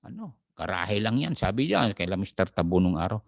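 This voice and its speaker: Male filipino pastor, sermon, gravelly and animated, reads scripture then explains it, dry close sound. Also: on the low side, fairly quick, no room sound. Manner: mixes English scripture reading with Tagalog, greets viewers by name.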